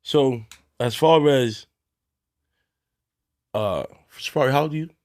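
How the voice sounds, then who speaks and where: A man's voice: mid-range voice, slow, darkish tone, dry recording, clean studio sound. A man hosting a podcast who asks his guests questions in a casual way. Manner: asks questions, short affirmations. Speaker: podcast host. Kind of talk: casual interview.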